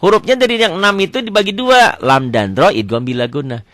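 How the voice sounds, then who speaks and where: A man's voice: sits high, a bit bright, no room sound. Man teaching Quran reading, dry sound. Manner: asks and answers his own questions, chants verses slowly.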